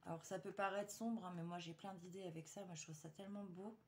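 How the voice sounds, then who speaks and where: A woman's voice: on the low side, steady tone, fast, very noisy. A woman chatting casually to her viewers while showing a paper haul, hesitant with many fillers and restarts.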